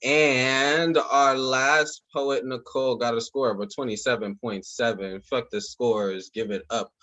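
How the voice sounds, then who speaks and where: A man's voice: mid-range voice, steady tone, unhurried, pushed and bright. A man hosting a poetry slam in a casual, playful way, heard over a group video call. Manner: casual, laid-back, playful. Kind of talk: hyping up an online slam. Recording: muffled video call audio.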